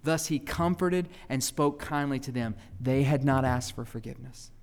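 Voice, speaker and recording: A man preaching a sermon as pastor, acting out quoted voices and swinging between loud emphatic lines and hushed ones. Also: mid-range voice, moderate pace, long reverb tail. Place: church sanctuary.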